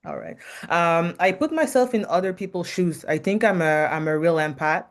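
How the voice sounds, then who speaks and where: As a podcast guest, a French-Canadian marketing advisor talks openly about her work in a loud, frank, fairly low voice at normal speed. She hesitates often, searching for words with ums, and her speech has the plain feel of an interview chat.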